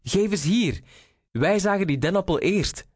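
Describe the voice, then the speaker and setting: A man voicing a young male squirrel who hoards food, in a shrill, bossy storybook voice. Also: steady tone, moderate pace, a little mellow, breathy edge, no room sound, clean studio sound, close to an everyday voice.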